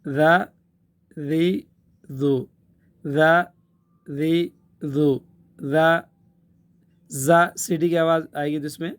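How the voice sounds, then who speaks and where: A man teaching Quran recitation, patiently explaining letter sounds and repeating short syllables for practice. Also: on the high side. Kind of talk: Tajweed lesson with drills.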